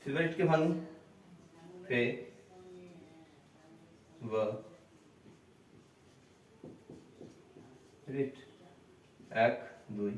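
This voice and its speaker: A man teaching an English grammar lesson, breaking words slowly into syllables and answering his own questions to the class. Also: medium pitch. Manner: asks the class questions and answers them himself. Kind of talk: classroom lecture. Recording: roomy echo, voice from a distance.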